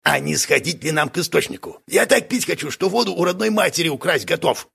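A gravelly, husky male crook, scheming and boastful, who answers everything with calm smugness, as a man reads him in an audiobook. His voice sits fairly high and swings about lively. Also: a little fast, full character voice. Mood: smug. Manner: smug, unflappable. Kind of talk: audiobook character voice.

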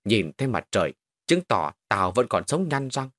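A man playing a cocky, crude young drunkard who brags loudly. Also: sing-song, normal speed. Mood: boastful. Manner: boastful, then shrill and panicked.

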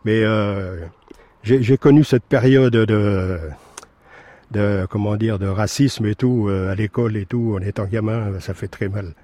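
An older man from Italy, a former factory worker, giving an indignant, halting interview full of fillers. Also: lowish voice, fairly even intonation, dark tone, no room sound. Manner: hesitant, many fillers, indignant. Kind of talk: documentary interview testimony.

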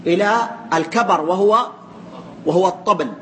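High-voiced man teaching a class. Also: moderate pace, a bit bright, a little hiss or hum. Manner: explains by repeating points and quizzing students. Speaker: teacher of religious law. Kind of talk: classroom lesson with student questions.

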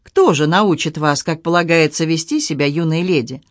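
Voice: mid-range voice, moderate pace, no room sound, studio quality, close to an everyday voice. A reader doing Dixon, an old preachy servant. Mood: lecturing. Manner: lecturing, homely. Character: old male servant Dixon, gruff and moralising.

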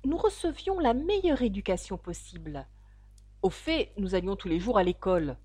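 A woman's voice: medium pitch, very animated, moderate pace, darkish tone, slightly rough, no echo. Woman reading a sad sighing sea turtle creature, storybook voice, bouncy up and down, dry close sound. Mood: mournful.

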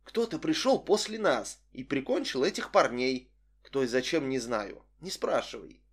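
A man reading an audiobook voices a manipulative young woman who speaks in a cool, flat, matter-of-fact way. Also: mid-range voice, normal speed, breathy edge.

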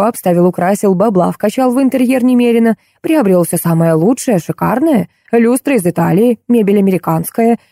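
A woman reading an audiobook voices a rude, boorish rich man who shouts and insults. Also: medium pitch, no room sound, studio quality.

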